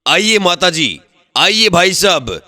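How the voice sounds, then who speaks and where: A man's voice: sits high, expressive, slow pace, bright, forceful tone, dry recording. A man announcing a street vendor's offer in a sing-song hawker's call, repeating slogans again and again. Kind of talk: recorded loudspeaker sales pitch.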